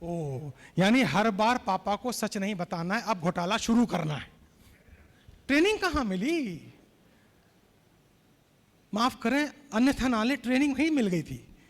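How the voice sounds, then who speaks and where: A man's voice: sits high, sing-song, normal speed. A male keynote speaker telling anecdotes and urging the audience to respond. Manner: storytelling, prompts the audience to respond. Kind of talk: motivational speech. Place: convention hall. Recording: hall reverb.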